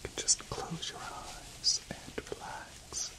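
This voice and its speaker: Middle-aged man, whispered role-play, soft spa whisper, gentle chemist, soothing and reassuring, ASMR. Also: slow pace. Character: gentle, reassuring male chemist tending to a client. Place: indoor studio set.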